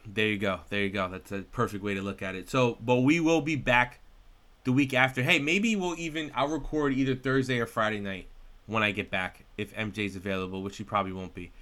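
A man co-hosting a podcast in casual chat, excitable and rambling, swearing often. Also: fairly low pitch, a little fast. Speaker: podcast co-host.

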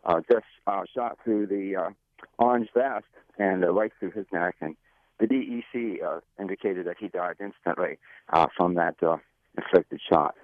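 A middle-aged or older man phoning a radio show, speaking earnestly and haltingly. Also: low-pitched, no echo. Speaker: radio phone-in caller. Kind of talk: unscripted call-in comment. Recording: narrow, tinny phone line.

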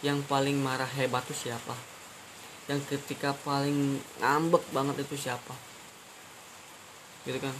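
A man in a personal monologue to his girlfriend, talking in an earnest, halting way, repeating phrases and restarting often. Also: medium pitch. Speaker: podcast host. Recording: steady hiss behind the voice.

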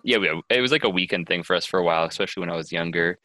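A man from Wisconsin co-hosting a podcast, easygoing and quick to giggle. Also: sits low, pushed and bright, no echo. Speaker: podcast co-host. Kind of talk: casual chat. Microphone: podcast microphone.

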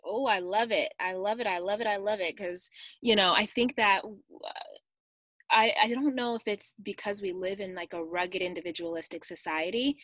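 Bright, emphatic woman host. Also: mid-range voice, fairly even intonation, normal speed, no room sound. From raised in the United States. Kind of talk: casual conversation.

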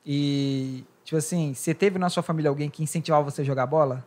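Young male Brazilian podcast co-host, rapid, slightly high-pitched, sweary street slang, informal. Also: fairly even intonation, darkish tone. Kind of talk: casual chat.

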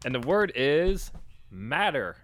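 A man co-hosting a comedy podcast, giggly and lively in casual chat. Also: medium pitch, slow. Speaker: podcast co-host.

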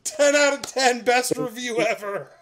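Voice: medium pitch, a little slow. Mocking, foul-mouthed co-host over background chatter. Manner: mocking, heavy swearing. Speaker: podcast co-host. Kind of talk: casual chat.

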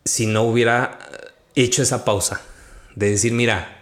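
A man, hosting a devotional podcast and telling a personal faith story in a lively conversational way. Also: mid-range voice, moderate pace. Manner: animated storytelling, quotes his own prayers. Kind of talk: conversational testimony.

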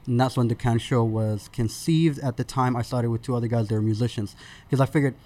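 A Sudan-born man in his thirties talks as a podcast guest. His voice sits at an ordinary pitch for a man, and he speaks in a loose, relaxed, chatty way, pausing on fillers and starting sentences over as he goes. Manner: relaxed, with frequent fillers and restarts. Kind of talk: conversational storytelling.

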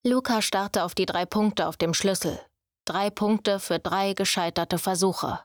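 A woman narrating a fantasy audiobook in a measured, even storytelling manner. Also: mid-range voice, no echo, studio quality. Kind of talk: scripted narration.

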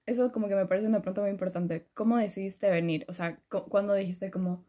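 Living alone as a student is the theme as this young Ecuadorian podcast host in Germany talks reflectively, filling her speech with fillers. She speaks fast in a medium-pitched, fairly even voice with a dark tone, and the recording is dry.

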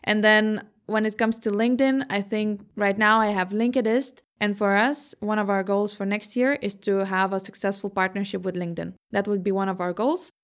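A young woman from Lithuania talks through her work as an entrepreneur in an interview. She answers in a measured, thoughtful way and laughs easily, with a voice of middling pitch for a woman. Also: steady tone.

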